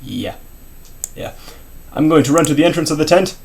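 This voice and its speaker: A soft-spoken woman plays a casual tabletop game and chuckles now and then. Her voice is strikingly low with a gravelly edge. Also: lively intonation, moderate pace, slight background noise. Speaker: player.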